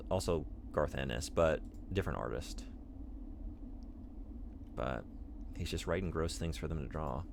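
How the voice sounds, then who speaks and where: A man's voice: sits low, creaky, slight background noise. A man streaming a video game, chatting casually and joking with his chat. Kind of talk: casual chat while playing.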